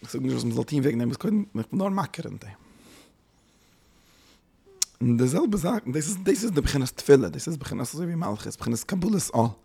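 A man giving a spoken religious lecture as a teacher, halting and searching for words, often dropping in English terms. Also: mid-range voice, big pitch swings, creaky, warm tone, breathy edge.

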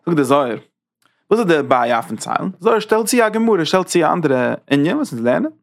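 A man teaching a Torah class in a lively lecture style, talking with sudden leaps in pitch. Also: brisk, gravelly.

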